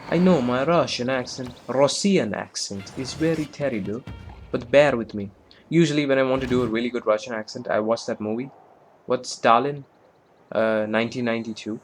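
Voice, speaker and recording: A man's voice: mid-range voice, moderate pace, slight background noise. A man giving casual, rambling let's-play commentary on a strategy game, with lots of fillers and self-deprecating asides. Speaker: gameplay commentator.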